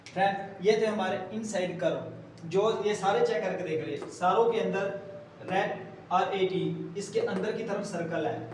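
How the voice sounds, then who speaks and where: Male tutor, high-pitched voice, patient and repetitive, recorded from a distance in an echoey room. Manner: patient, repeats words slowly while writing. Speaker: shorthand teacher. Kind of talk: step-by-step tutorial explanation. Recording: roomy echo, distant mic, faint hiss.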